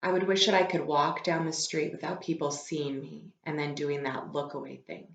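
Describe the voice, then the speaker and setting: A woman teacher with a deep, gravelly voice reads a book aloud to her class at a moderate pace, her pitch barely moving. She explains things conversationally and puts questions to the students between passages. The audio is dull and roomy with a little background noise.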